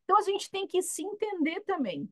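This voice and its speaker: A woman's voice: very high voice, big pitch swings, fairly quick, no room sound. A woman hosting a live online question session for women, chatting casually and animatedly, often acting out little dialogues and checking "entendeu?" over a video call.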